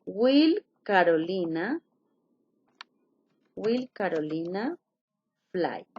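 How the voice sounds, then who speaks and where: A woman's voice: on the low side, very animated, extremely slow, muffled recording, a little hiss or hum. Woman teaching English patiently. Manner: patient, repeats key points and asks questions. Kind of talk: online class explanation.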